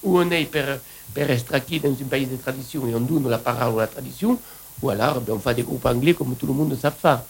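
A man's voice: mid-range voice, brisk, breathy edge, poor audio. A man with a southwestern French accent hosting a casual radio chat. He rambles enthusiastically and mixes in regional words. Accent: southwestern French, Occitan-tinged. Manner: rambling, enthusiastic, switches between French and Occitan. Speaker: radio host.

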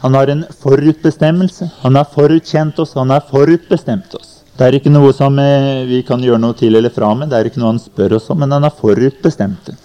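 Guy preaching a sermon, warm mellow voice, old cassette tape sound. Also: medium pitch, steady tone, hardly any pauses. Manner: plain teaching tone with scripture quotes and "ikke sant". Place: summer convention meeting. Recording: 1990 cassette recording, uneven quality.

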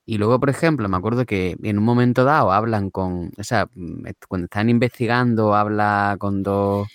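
A man with a Spain Spanish accent, casually discussing films and pausing to restart phrases as he searches for words. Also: lowish voice, no room sound, studio quality.

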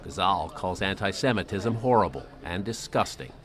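A man narrating a TV news report in a measured, deliberate reporter style. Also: low-pitched, expressive, over music.

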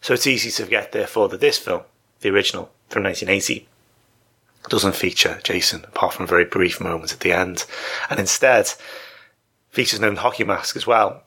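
Casting: male film commentator, fairly low but forceful voice, informal and thoughtful, pausing as he explains. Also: slightly rough. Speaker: film discussion host.

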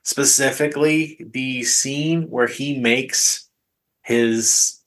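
A man's voice: medium pitch, steady tone, drawn-out words, a bit bright. A man co-hosting a podcast, chatting casually about a film and laughing between points. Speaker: podcast co-host.

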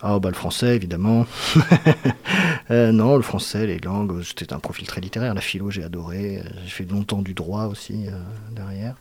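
A man's voice: fairly low pitch, fairly even intonation, moderate pace, a little mellow, breathy edge. A man from France, an actor, speaking reflectively in a casual interview, often hesitating as he searches for words. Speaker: guest actor.

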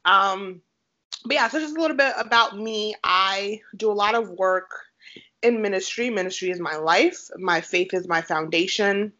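A woman's voice: medium pitch, moderate pace. A woman in her twenties from Haiti, native Creole speaker, chatting upbeat as a podcast guest with many fillers. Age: 20s. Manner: warm, upbeat, frequent "um" and "like". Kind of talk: casual interview chat. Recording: slightly lo-fi podcast audio.

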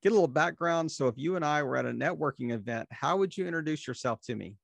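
A man hosting a podcast interview, talking casually and haltingly, often repeating words. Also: on the high side, lively intonation, creaky, no room sound. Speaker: podcast host.

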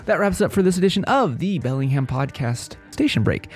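A man's voice: fairly high pitch, animated, fairly quick, faint music behind. A man with a nasal voice stuffed up by a head cold, chatting casually and playfully to listeners as a podcast host. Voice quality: nasal, congested voice.

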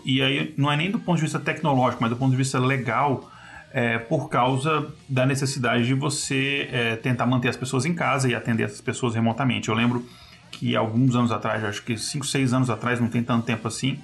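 A man with a Brazilian accent in casual podcast discussion, explaining things in a halting way. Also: medium pitch, gravelly. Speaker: podcast panelist.

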